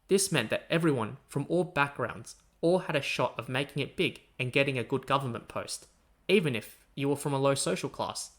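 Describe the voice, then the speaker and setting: A man's voice: mid-range voice, fairly bright tone. A man hosting a history podcast, narrating from a script in a chatty way with wry asides and mild swearing. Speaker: podcast host.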